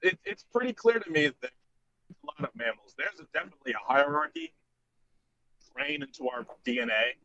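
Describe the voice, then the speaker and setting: A man's voice: fairly high pitch, very animated, moderate pace, sharp tone. Man's voice cutting in and out. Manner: earnest, argues in broken fragments. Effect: voice cutting in and out over a weak online call connection. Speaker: hangout participant. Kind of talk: casual debate on a group call. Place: on the road. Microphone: tablet on a video call. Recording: dry, muffled call audio.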